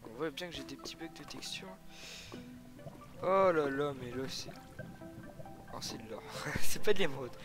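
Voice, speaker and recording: A young man from France giving casual commentary while playing a survival game, excitable and swearing, exclaiming loudly at his finds. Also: on the high side, moderate pace, long pauses. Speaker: gaming youtuber. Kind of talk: casual let's play commentary. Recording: music loud behind the voice.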